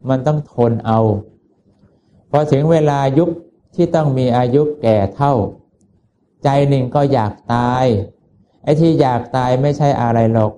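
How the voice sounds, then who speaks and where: Mellow-voiced man giving a folksy sermon. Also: mid-range voice, unhurried. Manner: folksy, conversational, with rhetorical questions. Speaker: Buddhist preacher.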